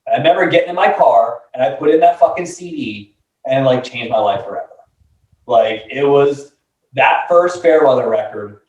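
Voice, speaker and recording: With lively intonation and a medium, slightly mellow voice at normal speed, a band member in his late thirties rambles through stories in a laid-back chat full of fillers. The off-mic room recording sounds distant, roomy and dull.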